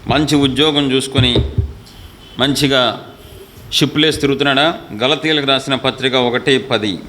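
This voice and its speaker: A man's voice: medium pitch, fairly even intonation, normal speed, pushed and bright, slight background noise. A male pastor preaching a fiery sermon, scolding with rhetorical questions and acting out quoted voices. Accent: Telugu.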